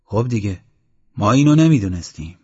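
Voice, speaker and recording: An eager young village man, read by a man in a storybook, quick and confident. The voice is low and husky. The recording is dull and lo-fi. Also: sing-song, mellow.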